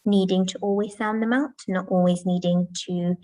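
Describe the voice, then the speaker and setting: A woman's voice: mid-range voice, steady tone, normal speed, warm tone, dry recording, low-quality recording. A woman teacher giving a talk to parents, explaining patiently and modelling classroom chants. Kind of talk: presentation to parents. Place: school, indoors.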